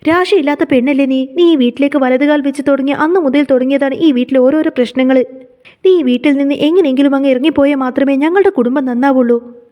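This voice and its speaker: A woman voicing a harsh, scolding middle-aged mother-in-law, taunting and scornful, in a fast retelling of a TV serial. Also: high voice, highs cut off, close to an everyday voice.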